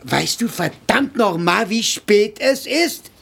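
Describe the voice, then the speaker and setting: A performer playing a sleepy, timid elderly husband who mumbles slowly in a radio play. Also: male voice, sits high, expressive, gravelly, a bit bright, slight background noise, exaggerated voice. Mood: irritated. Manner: drowsy, mumbling, slow.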